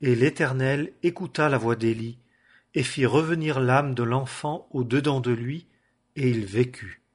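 Husky-voiced man reading scripture. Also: medium pitch, a little slow. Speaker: Bible reader.

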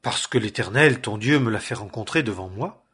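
A man reading the lines of a cautious younger son in a measured way. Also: fairly low pitch, expressive, a bit bright, breathy edge. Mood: earnest.

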